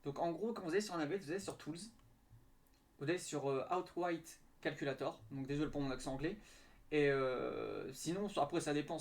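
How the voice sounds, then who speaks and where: Casting: young man, slightly high voice, halting and filler-heavy, casual screen tutorial. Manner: hesitant, many fillers and restarts. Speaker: betting tips youtuber.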